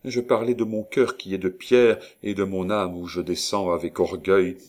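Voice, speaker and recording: A man's voice: low-pitched, steady tone, normal speed, a little mellow, close to an everyday voice. A man voicing a proud, defiant young noblewoman, speaking in a haughty, impassioned way in a storybook reading.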